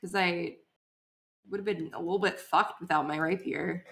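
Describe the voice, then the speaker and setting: Creaky, lowish-voiced woman gamer. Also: fairly even intonation, normal speed, fairly bright tone. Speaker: player in a tabletop game. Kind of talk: casual chat.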